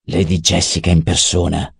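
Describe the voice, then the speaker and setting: A man voicing a cruel, mocking old baron in an audiobook, gruff and menacing. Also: deep voice, little pitch movement, moderate pace, no room sound, studio quality, full character voice. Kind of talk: audiobook character voice.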